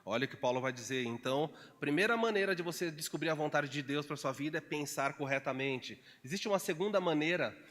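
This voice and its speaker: A man's voice: lively intonation, a little fast, few pauses, a bit bright, big-room sound. A man preaching a sermon as pastor in Brazilian Portuguese, asking the congregation questions and jumping into quoted voices. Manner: acts out quoted voices with sudden pitch jumps; conversational, asks the congregation questions. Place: church hall.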